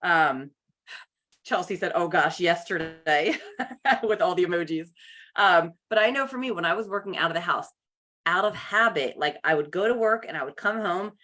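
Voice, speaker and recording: Bright chatty woman coaching host. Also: fairly low pitch, animated, moderate pace. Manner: chatty, upbeat, greets viewers by name. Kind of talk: casual live coaching chat. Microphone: video call.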